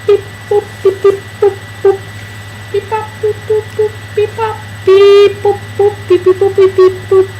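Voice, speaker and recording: A young woman voicing a chirping little robot that talks only in high beeps and boops. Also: little pitch movement, measured pace, pauses often, poor audio. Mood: chirpy.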